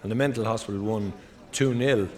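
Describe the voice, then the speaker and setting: A man's voice: lowish voice, a little fast, heavy background noise. An Irish man doing stand-up, rattling off one-liners and short joke stories and acting out the characters in them. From Ireland. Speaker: stand-up comedian.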